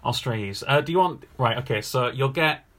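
A man's voice: mid-range voice, a little fast. A man hosting a podcast in casual chat, running a quiz with jokes and teasing. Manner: jokey, teasing, lively.

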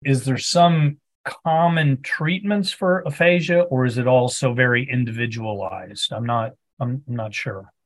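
A man's voice: medium pitch, a little slow, few pauses. A man hosting a conversational interview, phrasing his questions tentatively and rewording as he goes. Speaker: podcast host, interviewer.

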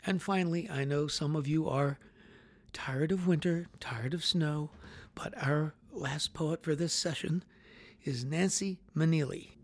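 A man's voice: fairly high pitch, unhurried. A man introducing poets as host of a poetry reading.

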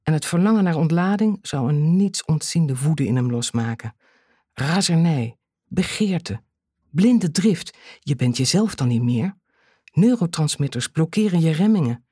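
An audiobook narrator reading a thriller in a measured way, with dramatic pauses. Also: medium pitch, expressive, warm tone, slightly rough, no room sound, clean studio sound.

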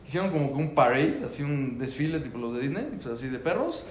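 A man's voice: mid-range voice, expressive, fast talker. Earnest man telling a story in an echoey room. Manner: earnest, repeats words, many restarts. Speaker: father telling his story. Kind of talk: emotional personal storytelling.

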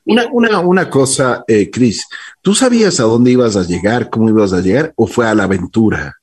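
A man's voice: mid-range voice, expressive, a little fast, darkish tone, breathy edge. A man interviewing a guest, asking short questions and prompting her to go on. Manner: brief encouraging backchannels and questions. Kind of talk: casual interview.

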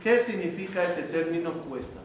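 A man's voice: a little high, animated, moderate pace, a little hiss or hum. A man teaching a religious class to a live audience as a rabbi, often questioning the listeners and then answering himself. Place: large hall with an audience. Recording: very echoey hall, mic far off.

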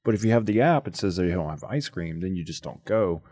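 A man's voice: low voice, lively intonation, a little fast, darkish tone, breathy edge, no room sound, studio quality. A middle-aged man talking with braces in his mouth, hosting a show with casual chat and anecdotes. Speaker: podcast and radio show host.

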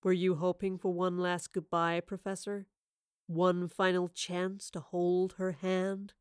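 A woman voicing a cruel, sly male villain who taunts in slow, purring, gloating tones. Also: lowish voice, level tone, darkish tone, smooth, dry recording, clean studio sound. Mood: cold.

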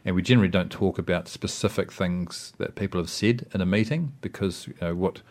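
A man with a distinctly deep voice and a New Zealand accent talks as a guest in a casual interview. He feels his way through each thought, rambling and reflective, often restarting and padding with small filler phrases. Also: fairly quick, a little mellow. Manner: hesitant, rambling, reflective, with frequent "you know" and "I mean".

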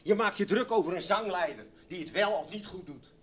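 A man preaching a sermon, swinging from loud exclamations to hushed, near-whispered lines. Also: high voice, expressive, brisk.

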